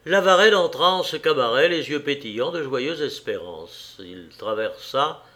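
A man narrating a classic novel as an audiobook, reading in an expressive, theatrical way. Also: medium pitch, a little slow.

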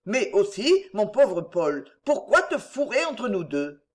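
A woman voicing an irascible rich old gentleman who scolds and blusters angrily. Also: mid-range voice, very animated, slow. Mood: agitated.

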